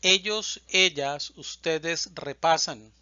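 A man teaching Spanish, reciting verb conjugations in a slow, deliberate drill and stressing each verb form. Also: fairly high pitch, pushed and bright, clear, resonant tone, dry recording, dull audio.

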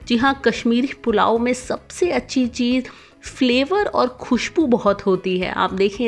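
With a mid-range voice, a woman narrates a recipe for her cooking channel, laying out each step clearly.

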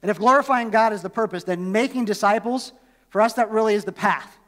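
High-voiced pastor in a reverberant hall. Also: male voice, a little fast, a bit bright. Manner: conversational, asks the congregation questions. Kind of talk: sermon. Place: church.

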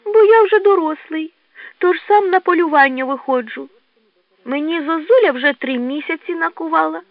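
A woman voicing a boastful young male badger cub who talks shrill and excitable. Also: moderate pace, no room sound. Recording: tinny lo-fi dry recording.

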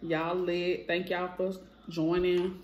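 A woman's voice: lowish voice, monotone, slow pace, dull audio, a little hiss or hum. A young woman hosting a casual mukbang vlog at home, chatting and rambling to her viewers as y'all into her phone. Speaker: vlogger. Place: home, indoors. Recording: echoey room.

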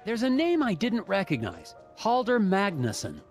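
A man's voice: high voice, wildly swooping pitch, moderate pace, soft background music. A man voicing an earnest, by-the-book puzzle-game detective with a stiff, formal, hesitant delivery. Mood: formal, probing. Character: earnest, awkward, by-the-book male FBI puzzle agent. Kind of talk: cartoon game dialogue and noir-like narration.

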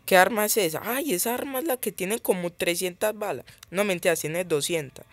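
A man's voice: high voice, a little fast, no echo. Chatty man commenting on a game. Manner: chatty, thinks aloud, easily startled. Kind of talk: casual gameplay commentary.

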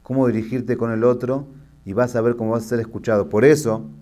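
A middle-aged man, a rabbi giving a sermon and telling jokes as a lively storyteller. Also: medium pitch, fairly quick.

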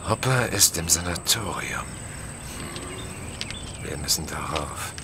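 Deep-voiced, grim demon hunter Dorian Hunter. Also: male voice, expressive, slow, full character voice. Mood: grim, controlled. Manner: terse, matter-of-fact. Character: grim, determined male demon hunter, blunt leader. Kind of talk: horror audio drama acting. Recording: echoey reverberant room, clear background noise.

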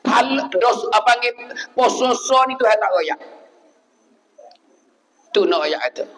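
High-voiced preacher with Patani Malay accent. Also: male voice, unhurried, big-room sound, a little hiss or hum, poor audio. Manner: animated, repetitive preaching with sudden loud bursts. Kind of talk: sermon. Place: mosque.

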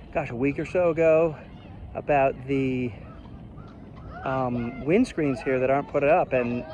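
A man's voice: medium pitch, a little mellow, a little hiss or hum. A man vlogging outdoors at public tennis courts, sounding indignant and exasperated as he talks. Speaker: local vlogger. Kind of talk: outdoor complaint vlog.

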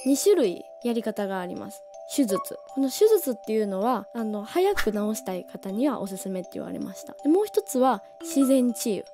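A woman, slightly hoarse from a cold, explaining things as a voice-training teacher in a friendly, animated way that stretches key words slowly. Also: fairly high pitch. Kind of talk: casual explanatory talk.

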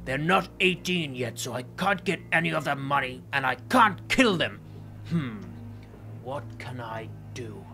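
A man's voice: medium pitch, lively intonation, a little slow, vocal fry, sharp tone, faint music behind, exaggerated voice. A man voicing a scheming, greedy villain in a game roleplay, muttering sing-song lines and cackling. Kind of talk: Minecraft roleplay voice acting.

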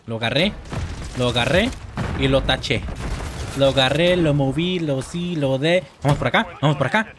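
A young Mexican man giving excitable, jokey gameplay commentary and swearing now and then. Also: mid-range voice, moderate pace, noisy background. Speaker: gamer. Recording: gunfire from game audio. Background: loud game gunfire.

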